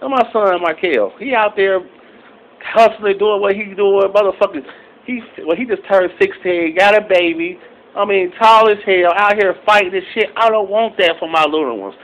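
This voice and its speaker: A middle-aged man ranting casually into his phone camera, profane and rambling, with loud outbursts and low mutters. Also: normal speed. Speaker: vlogger. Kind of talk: casual angry rant to camera. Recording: slightly dull phone recording.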